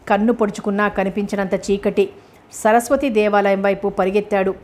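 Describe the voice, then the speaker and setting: A woman narrating a suspense novel for an audiobook. Her delivery is steady and dramatic. Her voice sits at a middle pitch.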